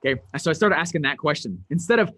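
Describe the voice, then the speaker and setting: High, husky-voiced man coaching online. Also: very fast. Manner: energetic, emphatic, talks straight to the audience. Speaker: business coach. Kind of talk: motivational online presentation.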